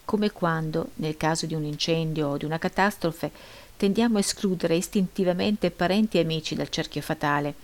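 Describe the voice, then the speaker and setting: This audiobook reader is a low-pitched woman narrating first-person literary prose. She keeps her pace measured and even.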